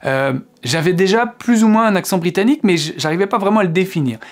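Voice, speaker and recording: A man's voice: high-pitched, lively intonation, fast talker. A man giving an explanatory video lesson as an English teacher, patiently repeating words to show how they sound.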